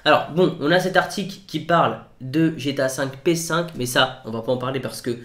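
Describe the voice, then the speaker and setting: Excitable gaming YouTuber man, roomy sound. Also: medium pitch, fairly quick. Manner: excitable, repeats words over and over. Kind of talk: casual gaming news vlog. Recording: roomy echo.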